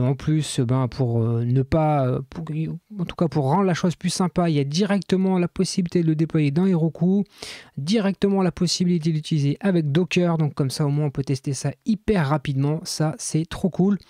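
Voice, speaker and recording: A man from France hosts a casual weekly news roundup for developers, chatty and full of small hesitations and fillers. His voice sits a little high and sounds mellow and soft-edged. The recording is dry and close, with no room sound. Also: dry recording. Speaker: tech YouTuber presenting weekly news.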